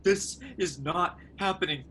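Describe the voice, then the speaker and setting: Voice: medium pitch, a little slow, a bit bright, close to an everyday voice. An actor playing a panicking first-time flyer who stammers and frets. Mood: panicked. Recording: clear background noise.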